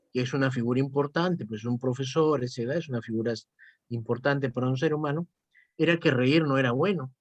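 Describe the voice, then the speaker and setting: A man's voice: mid-range voice, no room sound, highs cut off. A man, a psychotherapist chatting reflectively and often tagging his sentences with "¿no?". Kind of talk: casual conversation.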